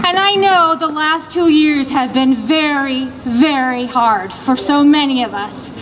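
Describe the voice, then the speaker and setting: Noisy live crowd recording, high-voiced American woman, slow impassioned rally speech, emphatic delivery. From Iowa, United States. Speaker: rally speaker. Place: outdoor evening rally.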